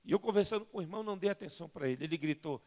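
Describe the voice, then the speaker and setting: A Brazilian man preaching a fervent sermon as a pastor, swelling from soft to loud and often calling listeners "querido". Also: on the high side, expressive, rapid-fire. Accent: Brazilian Portuguese. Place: large church sanctuary. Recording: long hall reverb in church.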